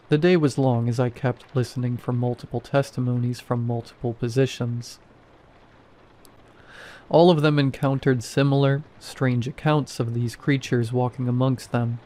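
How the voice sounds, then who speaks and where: A man reading a horror story aloud in a steady, measured storytelling voice. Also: mid-range voice. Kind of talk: scripted horror narration.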